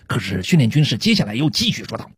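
Fast-talking man narrating jokes. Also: mid-range voice, big pitch swings. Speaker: radio comedy host. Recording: noisy radio recording.

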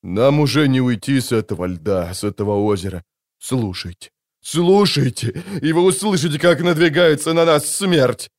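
A man's voice: fairly low pitch, animated, brisk, few pauses, darkish tone, lightly acted. A man doing a panicky doom-saying soldier. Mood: dread. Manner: panicked wailing.

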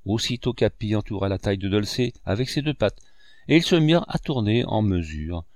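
A man narrating a classic novel in a measured storytelling manner. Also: fairly low pitch, animated, darkish tone, no echo, clean studio sound. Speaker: audiobook narrator.

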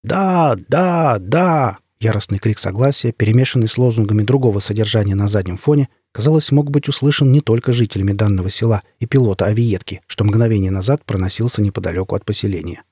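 A man narrating a story in a measured, steady way. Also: fairly low pitch, slightly rough, dry recording, studio quality.

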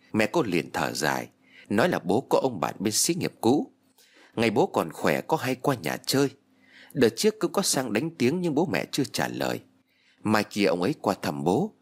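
A man narrating a sad story in an expressive, emotional reading style. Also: fairly low pitch. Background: faint music.

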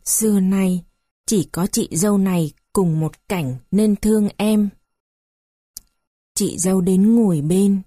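A woman reading a story aloud in a slow, measured narration. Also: medium pitch, dark tone, no echo, studio quality.

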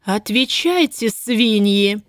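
A shrill, cutting voice of a cruel lady estate manager, as a woman narrator puts her on. She barks orders with open contempt, pitched well above the reader's own tone, in a dry, close storybook reading. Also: animated, slow, dry recording. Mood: imperious, scornful. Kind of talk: audiobook character voice.

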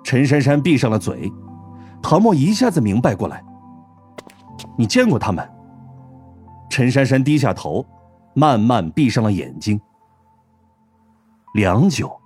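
A man narrating an audiobook in an expressive storytelling manner. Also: medium pitch, normal speed, long pauses, soft background music. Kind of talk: scripted narration.

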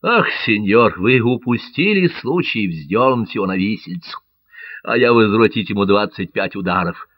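A man voicing a wounded, boastful Catalan buccaneer in an audiobook, loud and full of oaths. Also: lowish voice, expressive, moderate pace, no echo, muffled recording. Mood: emphatic. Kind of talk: audiobook character voice.

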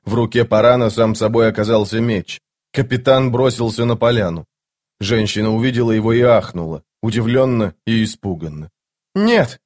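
A man narrating a fantasy audiobook in a measured, steady way. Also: on the low side.

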